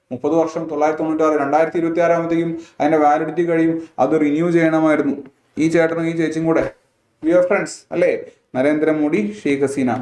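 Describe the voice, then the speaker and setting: A man with a Malayali accent gives an exam-prep lesson in a somewhat high voice. He keeps asking quiz questions and checking that his listeners follow. The sound is roomy, with a noticeable echo. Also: a little mellow. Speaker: teacher.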